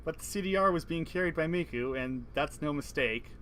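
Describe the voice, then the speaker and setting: A man's voice: fairly high pitch, brisk, a bit bright, a little hiss or hum. A man reading a visual novel's text aloud, breaking off to joke and laugh. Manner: reads narration evenly, then jokes and laughs between lines. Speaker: let's play co-host reading game text.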